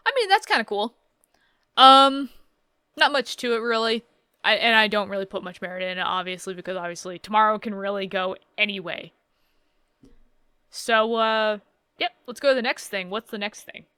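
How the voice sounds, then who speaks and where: A woman's voice: medium pitch, moderate pace, long pauses, sharp tone, smooth, no echo, clean studio sound. A woman in her thirties casually reading game text aloud and adding wry, joking asides in a playthrough. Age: 30s. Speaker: let's play host.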